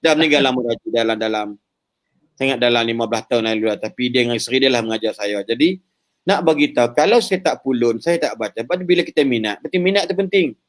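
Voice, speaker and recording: A man giving a lively religious talk over a live call, joking in English and chanting recitations. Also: mid-range voice, fast talker. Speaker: preacher.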